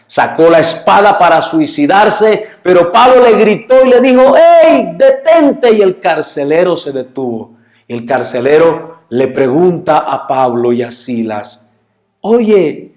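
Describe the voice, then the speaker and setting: A man leads a church Bible lesson at an unhurried, measured pace, his voice sitting a little high. He reads Scripture aloud and puts questions to his listeners. The sound carries a noticeable echo from the room. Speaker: Bible teacher. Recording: echoey room.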